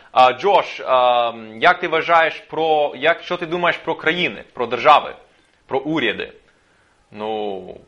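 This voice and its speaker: Bright-voiced man preaching a sermon. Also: on the high side. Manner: teaching, explains step by step with filler pauses. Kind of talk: sermon with scripture reading.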